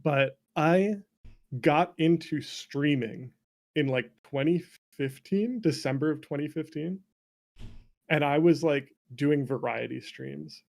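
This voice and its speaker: This young man, a streamer and former speedrunner, tells stories casually as an interview guest in a somewhat high, slow, creaky, slightly mellow voice. He's informal and self-deprecating and says "like" a lot.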